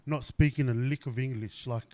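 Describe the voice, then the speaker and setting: A man's voice: mid-range voice, steady tone, moderate pace, darkish tone, dry recording. A man hosting a podcast interview, chatty and eager, often saying "like" and "you know what I mean.". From Australia. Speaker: podcast host. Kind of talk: casual interview chat. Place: indoors at a company's headquarters.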